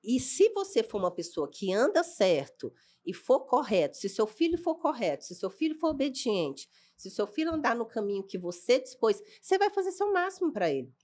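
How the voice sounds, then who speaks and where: A woman's voice: fairly high pitch, very animated, moderate pace, few pauses, a little mellow. A woman, a podcast guest earnestly telling her life story in a casual chat. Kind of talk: personal testimony in casual chat.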